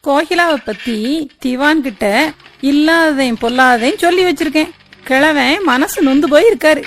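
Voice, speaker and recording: A woman's voice: high-pitched, normal speed, fairly bright tone, soft background music. A woman playing a scheming, spiteful woman of the house who scolds and gossips sharply.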